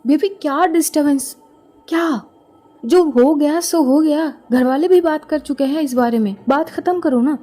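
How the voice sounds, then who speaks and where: A woman's voice: fairly high pitch, animated, normal speed, warm tone. A woman voicing a pushy, hot-tempered young fiancé. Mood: insistent. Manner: irritated, insistent, raises his voice. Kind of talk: storytelling with character voices.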